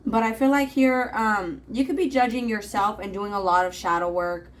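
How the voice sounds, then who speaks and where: A woman's voice: mid-range voice, fairly even intonation, normal speed, poor audio. A woman reading tarot cards in a casual, rambling monologue with plenty of fillers. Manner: chatty, rambling, frequent fillers. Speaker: tarot reader.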